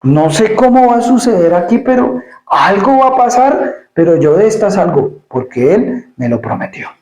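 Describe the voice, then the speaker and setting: A male pastor preaching an emphatic sermon, often repeating words and acting out quick asides. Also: high-pitched, very animated, a little mellow, reverberant, rough recording.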